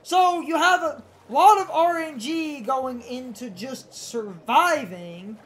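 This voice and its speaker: A let's play co-commentator, she offers casual, rambling, argumentative explanations over game music. Her voice sits high and she takes things slowly. A little hiss or hum can be heard.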